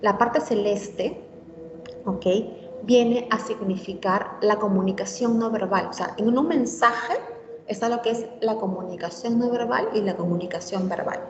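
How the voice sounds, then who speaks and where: Una mujer instructora en una sala con eco. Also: female voice, mid-range voice, unhurried. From Peru. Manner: explanatory, asks the audience for agreement with rhetorical tags. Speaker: career workshop instructor. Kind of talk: online lecture to students. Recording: roomy, dull, faint room noise.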